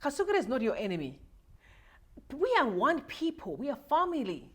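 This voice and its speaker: Woman, 40s, from Zimbabwe, livestream host; high, lively voice, emotional and preachy. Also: fairly quick, husky. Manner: emotional, repetitive, preachy, addresses viewers directly. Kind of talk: impassioned political commentary.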